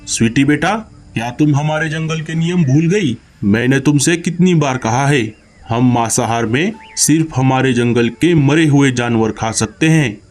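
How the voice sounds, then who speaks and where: In a Hindi cartoon story, a man with a medium-pitched voice lightly acts the part of an aging, principled bird king whose manner is stern and responsible.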